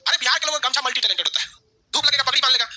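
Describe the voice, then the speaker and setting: A male teacher with a Bihari Hindi accent, lecturing a class rapidly and animatedly, asking questions and answering them himself. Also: extremely high pitch, lively intonation, sharp tone. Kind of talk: classroom lecture with call-and-response.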